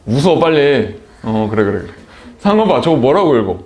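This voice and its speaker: Lively, chatty male math teacher. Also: medium pitch, normal speed. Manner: chatty, teasing students by name, joking asides. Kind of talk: classroom lecture with banter. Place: classroom.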